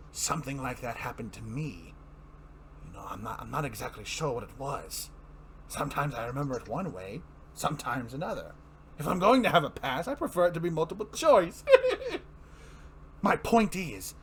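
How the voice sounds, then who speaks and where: A man's voice: on the high side, a bit bright, slight background noise. A man voicing the Joker-like mad clown villain of a comic book, grandiose, mocking and bitter, in a dramatic reading. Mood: manic pleading. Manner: grandiose showman delivery, mocking, swooping emphasis.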